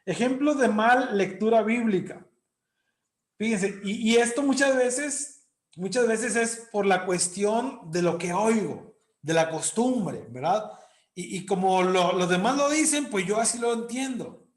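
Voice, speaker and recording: A man's voice: high voice, a little slow, echoey room. A man teaching a Bible class to a congregation in a conversational way, often asking his listeners questions. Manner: conversational, asks the congregation questions, frequent "¿verdad?". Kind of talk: church Bible class lesson.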